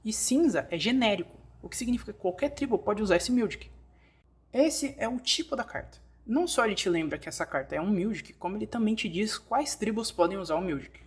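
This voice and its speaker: With a Brazilian Portuguese accent, a woman reads scripted instructional narration, addressing the listener directly as in a fan-dubbed tutorial. Her medium-pitched voice has lively intonation and moves a little fast.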